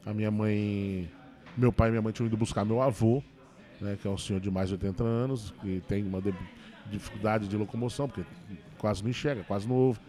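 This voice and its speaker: A man, a stand-up comedian, telling a personal story in a casual interview, with quick emotional restarts. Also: on the low side, fairly even intonation, dark tone. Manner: fast, emotional retelling with many restarts.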